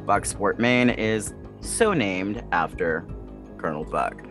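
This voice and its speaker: A man's voice: low voice, slow, over music. A man co-hosting a casual podcast, rambling with lots of fillers and restarts. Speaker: podcast co-host. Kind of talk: casual chat.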